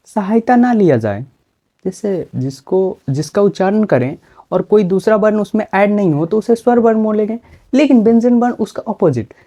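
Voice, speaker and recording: A woman's voice: medium pitch, dark tone. A woman teaching a grammar lesson, explaining step by step and asking questions she then answers herself.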